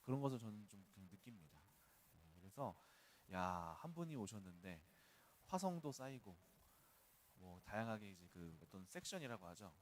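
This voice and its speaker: A male pastor with a lowish, very animated voice preaches a dawn service sermon at normal speed, with slight background noise. He talks conversationally and weaves in personal anecdotes as he tells his stories.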